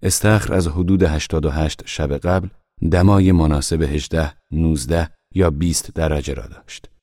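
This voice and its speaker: Deep-voiced male audiobook narrator, calm and measured, dry close sound. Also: no room sound. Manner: calm, measured, soft-spoken reading. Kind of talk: scripted narration.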